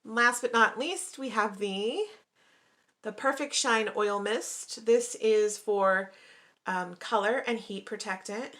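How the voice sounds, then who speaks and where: Upbeat young female vlogger, bright voice, relaxed unboxing chat. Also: a little high, slow pace. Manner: chatty, upbeat, often says she is excited.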